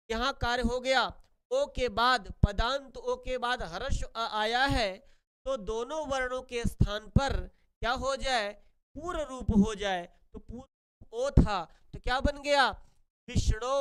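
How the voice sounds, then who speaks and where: A man's voice: extremely high pitch, smooth. A man teaching Sanskrit grammar in a classroom-style lesson, who asks and answers his own questions and repeats key words. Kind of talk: classroom lesson explaining rules.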